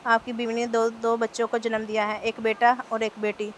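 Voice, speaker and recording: A woman's voice: fairly high pitch, moderate pace, a little hiss or hum, close to an everyday voice. A woman reading a polite male doctor. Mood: reassuring. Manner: flat, even reading.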